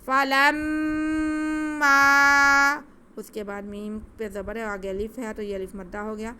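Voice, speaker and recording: A woman teaching Quran recitation step by step, explaining gently and patiently at a quick pace. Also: mid-range voice, little pitch movement, a little hiss or hum.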